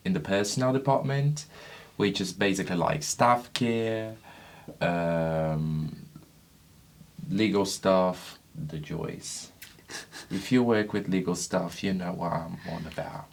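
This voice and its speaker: A man's voice: deep voice, slow pace, creaky. A man from Brazil co-hosting a casual podcast, with a dry, sardonic, self-described grumpy manner. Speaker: podcast co-host.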